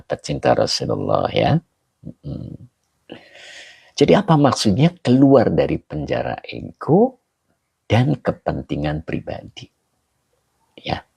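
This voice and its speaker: A man with an extremely low, dark-leaning voice, showing vocal fry and a breathy edge, teaches as an Islamic scholar on a live-streamed kitab study. Filmed on a handheld camera he holds himself, dry-recorded, he explains grammar, reads comments aloud and greets viewers by name.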